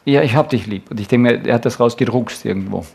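A man's voice: mid-range voice, quick pace, vocal fry, darkish tone, slightly rough. A man preaching a sermon to fathers, speaking earnestly and emphatically, and closing with a prayer. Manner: earnest, emphatic, quoting God and Jesus in direct speech.

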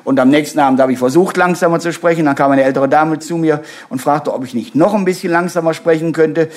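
A man's voice: a little high, fast talker, a little mellow. A man leading a workshop on public speaking, talking live to a group, with wry, self-mocking asides and tag questions thrown to the audience. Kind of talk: live seminar talk.

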